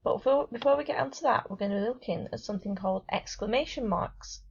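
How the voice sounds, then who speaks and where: A woman teaching a remote lesson to young children, clear and encouraging, reading descriptions aloud with expression. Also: a little high, fast, lo-fi sound. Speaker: primary school teacher.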